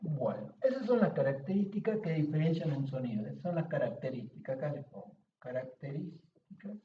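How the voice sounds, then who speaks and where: Male teacher, fairly high voice, patient step-by-step explainer, distant muffled home recording. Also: lively intonation, brisk, roomy sound, slight background noise. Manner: patient, checks understanding with frequent tag questions. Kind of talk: classroom-style explanation.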